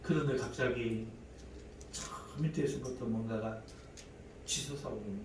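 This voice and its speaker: A man's voice: medium pitch, a little slow, a little hiss or hum. Echoey preacher man in his forties. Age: 40s. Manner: dramatic storytelling, acting out prayers and quoted voices. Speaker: pastor. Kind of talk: sermon with personal testimony. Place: church sanctuary. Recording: echoey church hall, mic at a distance, faint room ambience.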